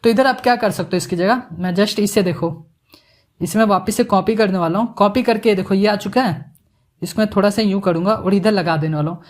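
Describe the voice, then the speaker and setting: A man giving a casual, joking software tutorial, mixing English words into his Hindi as he works. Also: high voice, a little fast. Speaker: animation tutorial instructor.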